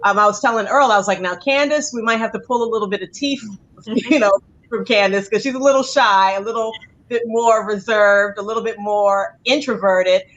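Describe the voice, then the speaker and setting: A woman interviewing dancers in a relaxed chat, talkative and laughing easily. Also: mid-range voice, fairly quick, dull audio. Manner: chatty, laughs often. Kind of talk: casual interview.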